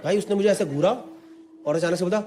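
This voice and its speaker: A man performs stand-up comedy with a Delhi-area Hindi accent and a very high-pitched voice. He tells a lively story, mixing Hindi and English and playing out the voices of the characters. Echoey room sound, background noise and a laughing audience surround him. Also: fast talker, a crowd in the background. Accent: Delhi NCR Hindi. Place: live comedy venue with audience.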